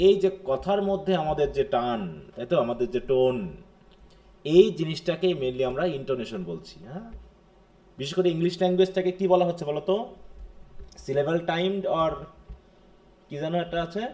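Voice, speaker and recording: A man from Bangladesh with a Bangladeshi Bengali accent, teaching a live linguistics class. He explains in Bengali, keeps asking the class questions, and reads English definitions slowly. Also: on the high side, mellow. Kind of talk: live lecture.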